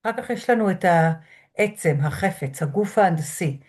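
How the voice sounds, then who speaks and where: A woman lecturer speaking from home through a computer mic, guiding listeners through a grounding exercise in a slow, measured way with soft pauses. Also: fairly low pitch, expressive. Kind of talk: calm guided lecture. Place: home room.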